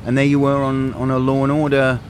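A man's voice: mid-range voice, monotone, a little fast, slight background noise. A man co-hosting a podcast outdoors in a park, telling rambling jokey stories with many restarts. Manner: rambling storyteller, joking, stammers restarts. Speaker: podcast co-host. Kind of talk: casual chat, joking.

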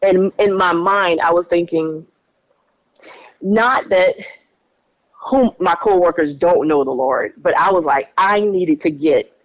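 A woman tells her personal testimony in an expressive way and repeats phrases for emphasis. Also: lowish voice, slow, no echo. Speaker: guest telling her testimony. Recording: dry, slightly dull audio.

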